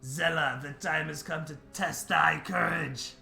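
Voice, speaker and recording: Casting: man as ancient guardian tree spirit for a fantasy game, solemn, grandiose, slightly gravelly, in an echoey room. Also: a little high, fairly even intonation, pushed and bright, soft background music, heavily acted. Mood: solemn, grand. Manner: grandiose, archaic, slow declaiming.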